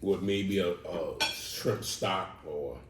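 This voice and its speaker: A man's voice: low-pitched, takes it slowly, far from the mic. A man from New Orleans with a local accent, talking over a family dinner and explaining at length with many fillers and firm emphasis. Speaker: husband, father. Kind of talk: casual family mukbang chat. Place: home dining table. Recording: echoey room, from off mic, faint noise.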